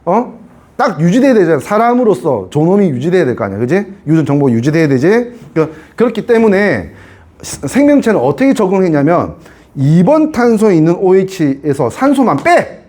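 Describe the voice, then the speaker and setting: A man's voice: high-pitched, sing-song, brisk, mellow. A man teaching a science class in a chatty lecture style, often checking if students follow and repeating key points. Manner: chatty, keeps asking students to confirm.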